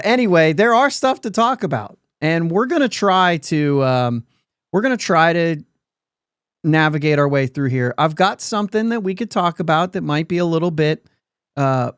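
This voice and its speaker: A man's voice: a little high, expressive, normal speed, clean tone, dry recording, studio quality. A man hosting a sports podcast in casual chat, rambling along and laughing often mid-sentence. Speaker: podcast host.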